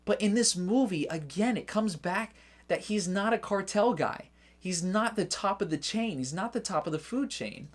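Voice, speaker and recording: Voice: mid-range voice, animated, normal speed. A casual movie reviewer talking straight to the viewer. The delivery is chatty and loose, with lots of filler words and little joking asides that wander off track.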